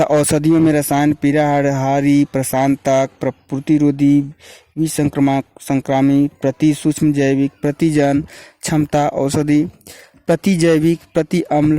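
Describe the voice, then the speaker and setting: A man, a chemistry teacher, reading out a syllabus. He works through a steady list of chemical terms and now and then corrects himself mid-word. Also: on the high side, no room sound.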